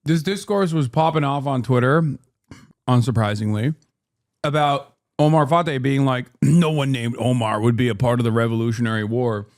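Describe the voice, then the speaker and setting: A man's voice: medium pitch, moderate pace. A man giving casual reaction commentary, sarcastic and laughing as he talks. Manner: sarcastic, laughs mid-sentence. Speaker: stream host reacting to clips.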